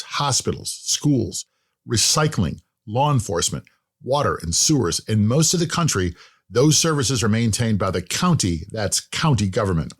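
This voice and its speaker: A male podcast host reads his intro in a friendly, folksy way, slipping in small jokes. His voice is mid-pitched and even for a man. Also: breathy edge. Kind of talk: scripted podcast narration and interview.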